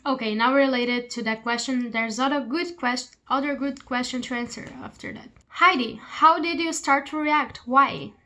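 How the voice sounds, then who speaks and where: A woman's voice: sits high, moderate pace, few pauses, sharp tone, poor audio. A young woman from Brazil with a Brazilian accent, chatting casually to camera from her old bedroom while she eats. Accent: Brazilian Portuguese. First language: Portuguese. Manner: chatty, rambling, eating while talking. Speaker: vlogger. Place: childhood bedroom at her parents' home.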